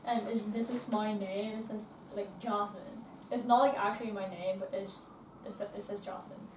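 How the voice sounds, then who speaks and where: A young woman from China giving hesitant, halting interview answers in a dorm bedroom. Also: mid-range voice, fairly even intonation, darkish tone. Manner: hesitant, slow, repeats words. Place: small dormitory bedroom. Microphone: far camera. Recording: roomy, distant, noisy.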